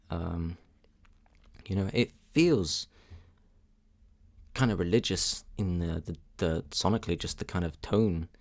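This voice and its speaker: A man with a deep, low-pitched voice talks through his thoughts on a track. He hesitates often, fills pauses with ums, restarts his sentences and weighs his opinions candidly. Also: darkish tone. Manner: hesitant, many ums and restarts, thinking aloud. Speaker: music reaction channel host. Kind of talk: casual spoken music review.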